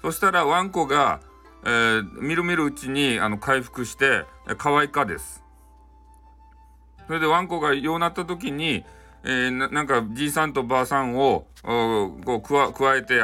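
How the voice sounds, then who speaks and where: A man's voice: mid-range voice, moderate pace, sharp tone, soft background music. A man telling a folk tale in Hakata dialect as a bedtime story, in a loose, rambling way with many fillers and offhand asides.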